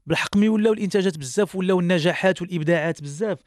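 Man, Moroccan accent, singer in an interview, very fast, dry close sound. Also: high-pitched, no room sound. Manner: earnest, restarts often. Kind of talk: interview answers.

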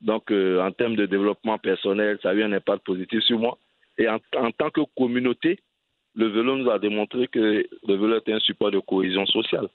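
A man's voice: fairly low pitch, brisk, no echo. Ivorian man, tinny phone-line sound. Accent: Ivorian French. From Côte d'Ivoire. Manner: earnest, restarts phrases often. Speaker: cycling advocate guest. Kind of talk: radio interview answers.

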